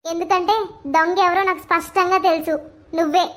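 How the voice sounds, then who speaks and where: A stern cartoon mother-in-law who gives orders and accuses, voiced by a woman. Her voice sits very high, and she talks in a commanding, scolding way. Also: flat delivery, a little fast, a bit bright. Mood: accusing. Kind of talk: cartoon story voice acting.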